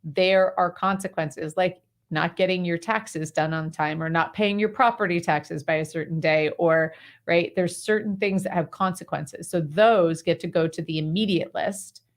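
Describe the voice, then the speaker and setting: A woman guest giving advice in an interview conversation. She speaks as an animated, breezy storyteller and often uses fillers like "like" and "right". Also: lowish voice, normal speed. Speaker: clarity coach guest.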